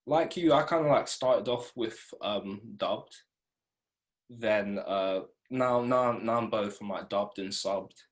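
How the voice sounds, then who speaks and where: A young man hosting a casual interview, relaxed and hesitant, with many fillers. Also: fairly low pitch, slow. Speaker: host.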